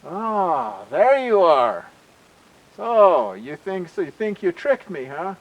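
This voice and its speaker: A man's voice: fairly high pitch, moderate pace, far from the mic, dull audio, lightly acted. A man voicing an angry, vengeful male skunk chief in a spoken folk tale, with indignant outbursts. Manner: indignant, taunt-answering outbursts.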